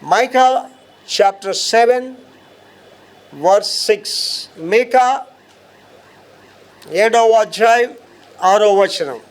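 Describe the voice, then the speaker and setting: A man's voice: high voice, extremely slow, long pauses. A pastor from India preaching a sermon, emphatic and firing rhetorical questions at his listeners.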